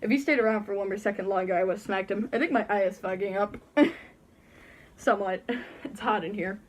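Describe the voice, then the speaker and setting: This teenage girl talks fairly quickly in a mid-range voice as she vlogs from her bedroom. In a costume head, she giggles and chats through a casual story, imitating the people she quotes.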